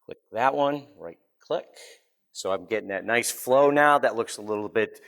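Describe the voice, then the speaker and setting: A man with a Boston accent giving a relaxed, joking, step-by-step software demo at a conference session. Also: fairly low pitch, normal speed, creaky. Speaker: presenter. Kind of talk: live technical demo.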